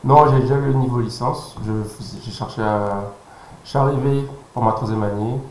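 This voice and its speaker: A man in his thirties from French Guiana, answering interview questions calmly, pausing often with fillers. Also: medium pitch. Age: 30s. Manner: calm, halting, with many pauses and fillers. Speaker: interview guest. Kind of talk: casual interview. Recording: roomy sound with faint noise.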